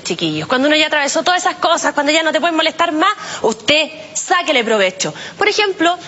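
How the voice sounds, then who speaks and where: A woman's voice: high voice, sharp tone, muffled recording, slight background noise. A woman with a Chilean accent doing a chatty, self-mocking stand-up comedy routine heavy on slang.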